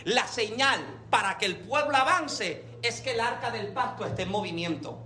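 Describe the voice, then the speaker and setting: A man's voice: high-pitched, normal speed, roomy sound, soft background music. A man preaching a sermon, telling a personal story and calling out to the congregation. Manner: animated storytelling, often calls out to the congregation.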